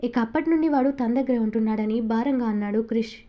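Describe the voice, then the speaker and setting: A woman narrating an audiobook novel in a steady, expressive reading. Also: a little high, quick pace, dull audio. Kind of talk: scripted story narration.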